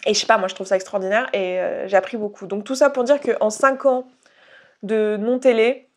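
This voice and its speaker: A young woman from Haute-Savoie chats straight to camera in a relaxed vlog. She talks candidly and loosely, restarting sentences and leaning on fillers. Her voice sits in an ordinary middle pitch. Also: moderate pace. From Haute-Savoie, France. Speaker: YouTuber. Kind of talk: casual vlog monologue.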